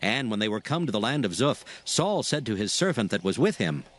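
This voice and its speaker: Expressive male scripture narrator. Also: fairly low pitch. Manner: measured, formal. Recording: faint music behind the voice.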